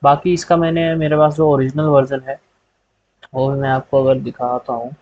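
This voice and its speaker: A man walking viewers through a spreadsheet tutorial step by step in a relaxed way, often pausing to say "okay". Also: mid-range voice. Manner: relaxed step-by-step explaining, repeating "theek hai" often. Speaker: tutorial host. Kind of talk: screen-recorded software tutorial. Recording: slightly dull lo-fi sound.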